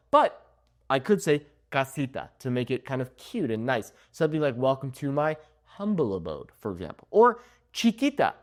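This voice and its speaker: A young man giving a casual video lesson on Spanish, often checking in with "okay?" as he explains. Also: medium pitch. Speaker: Spanish teacher.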